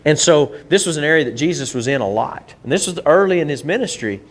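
A man's voice: on the high side, lively intonation, fast talker. A male pastor, preaching a conversational sermon to his church, often restarting and repeating words as he goes.

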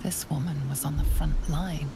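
An actress playing the ominous narrator of a fantasy video game, hushed and grave. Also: female voice, deep voice, steady tone, creaky, very noisy. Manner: hushed, grave, deliberate storytelling. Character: ominous female narrator of a dark fantasy quest. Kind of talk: scripted second-person game narration. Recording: game narration over loud music.

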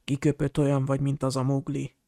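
A man's voice: medium pitch, completely flat delivery, warm tone, no room sound, clean studio sound, close to an everyday voice. A man doing a drunken, hostile wizard. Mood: muttering. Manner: slurred, muttering outbursts, spitting contempt. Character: drunken, squalid middle-aged wizard, hostile and rambling.

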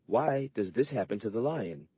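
A man's voice: medium pitch, animated, moderate pace, husky, no room sound, muffled recording. A man giving patient, scripted narration in an educational reading lesson. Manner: patient, instructive.

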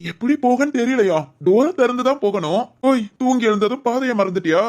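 A man's voice: very high voice, animated, brisk, darkish tone. A man voicing a young husband in a romantic audio drama who teases his wife while also reassuring her. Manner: teasing yet reassuring. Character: teasing, caring young husband.

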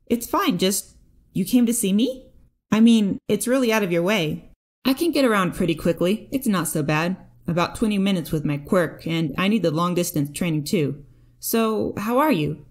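A woman voicing a friendly, flustered young heroine in a fanfic audiobook, talking in a chatty, animated way, higher than her narration. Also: normal speed, close to an everyday voice.

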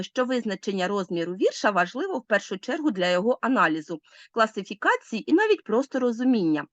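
A woman's voice: on the high side, no room sound. A woman teacher explaining a literature lesson step by step, speaking directly to her pupils.

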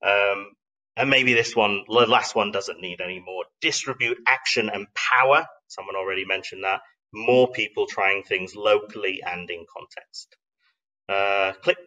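Speaking at a measured pace, this middle-aged man has a fairly low, bright, forceful voice as he gives a live online slide presentation. His explanatory, conversational style is reflective and emphatic, full of posed questions. It's recorded from a distance, with rough quality.

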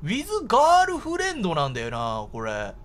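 A man giving excited horror game commentary, exclaiming in a startled way and often repeating his words. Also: high-pitched, fairly quick, slight background noise. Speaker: gameplay commentator.

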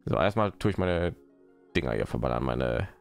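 A live streamer rambles casually and mutters to himself while playing a game, his very deep, creaky voice lively in intonation at normal speed. Faint music sits in the background.

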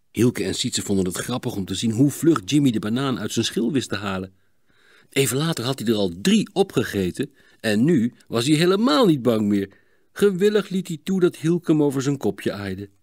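A man narrating a children's audiobook in an expressive storytelling manner. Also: medium pitch, no room sound, clean studio sound.

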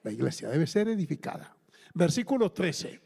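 A man's voice: a little high, big pitch swings, moderate pace, creaky, a little mellow, slightly rough, in a large hall. A man with a Colombian accent, a pastor preaching a sermon and stopping often for praise and questions to the congregation. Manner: preaching with call-and-response interjections.

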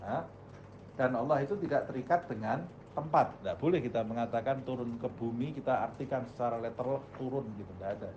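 A male religious teacher lectures at an ordinary middle pitch and keeps asking the room questions that he answers himself. The recording is slightly dull, with a faint hiss behind him. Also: fairly quick, a little mellow. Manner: asks the audience questions and answers them himself. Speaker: Islamic teacher.

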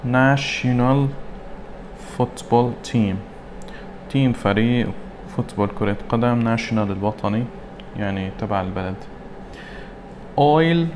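A man teaching an English lesson. He reads English words slowly and then translates them. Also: medium pitch, slight background noise. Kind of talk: recorded classroom lesson.

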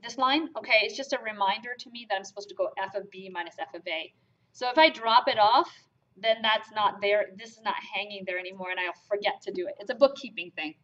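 A German woman teaches a math class, speaking emphatically and throwing rhetorical questions at her students in a lecture captured on lo-fi recording. Her mid-range voice is a bit bright, and she talks fast.

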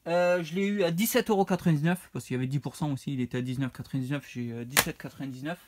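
A man's voice: on the high side, racing, a little hiss or hum. A man, casually showing off his retro game purchases, rambling and hesitant as he reads out prices. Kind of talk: casual unboxing vlog.

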